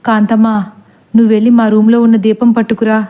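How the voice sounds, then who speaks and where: A protective father calls out urgent orders to his family, as a female storyteller reads his lines. The delivery stays in a high, mellow register. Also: completely flat delivery, fast, natural voice. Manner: urgent, commanding.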